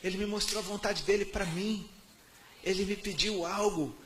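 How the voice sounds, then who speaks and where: A man with a Brazilian Portuguese accent preaching a sermon, telling his testimony in casual slang with lots of repetition, dropping to soft murmurs and rising to loud outbursts. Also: high voice, fairly even intonation, normal speed, a little hiss or hum.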